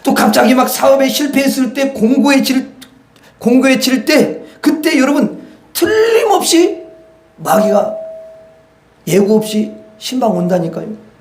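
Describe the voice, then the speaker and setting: Male pastor, high voice, emphatic sermon delivery; roomy church hall. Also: big pitch swings, measured pace, darkish tone. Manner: emphatic, repeats and addresses the congregation. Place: church sanctuary. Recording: echoey church hall, faint noise.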